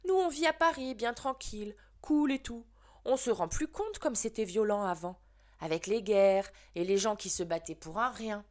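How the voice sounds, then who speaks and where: A woman reading a children's book aloud in an expressive storytelling manner. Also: mid-range voice, moderate pace. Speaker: reader.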